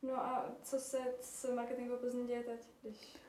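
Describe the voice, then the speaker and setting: A woman's voice: a little high, monotone, background noise. A woman hosting a casual interview, asking thoughtful questions with many hesitations. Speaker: host, interviewer. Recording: echoey room, distant mic.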